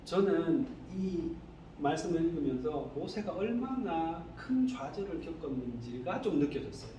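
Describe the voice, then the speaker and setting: A male pastor preaching a sermon in a church, animated, who keeps asking the congregation rhetorical questions. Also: a little high, a little slow. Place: church sanctuary. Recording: echoey hall, distant mic, faint noise.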